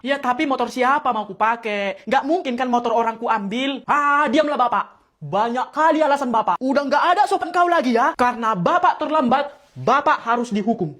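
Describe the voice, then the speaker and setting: A woman acting out comedy skits, switching between character voices and shouting in mock anger. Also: high-pitched. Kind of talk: comedy skits playing many roles.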